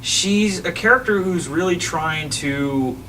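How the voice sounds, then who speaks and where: A man's voice: on the high side, slow, pushed and bright. A man hosting a casual podcast chat about films, rambling and often restarting his sentences. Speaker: podcast host. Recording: distant mic with faint ambient noise.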